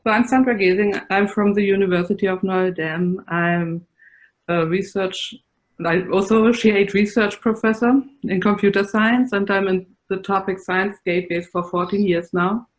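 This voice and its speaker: A woman's voice: mid-range voice, fairly even intonation, normal speed, poor audio. German-accented woman chairing an online session. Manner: earnest, explanatory, with small restarts. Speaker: session chair, research professor. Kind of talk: online meeting presentation. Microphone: video call.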